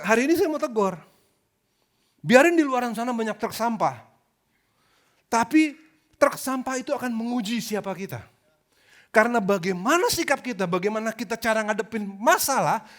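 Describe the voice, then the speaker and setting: A male pastor preaching a sermon, telling stories with slang and jokes. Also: sits high. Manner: animated storytelling with slang and jokes.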